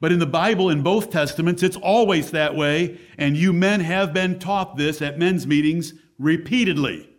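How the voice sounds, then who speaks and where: A man's voice: fairly high pitch, moderate pace, few pauses. A man preaching a sermon as pastor at a pulpit microphone, emphatic and blunt.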